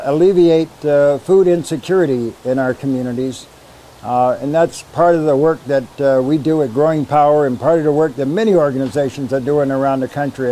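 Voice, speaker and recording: An older man, an urban farming advocate, speaking in a measured way with frequent pauses. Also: a little high, mellow, a little hiss or hum. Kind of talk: interview answer.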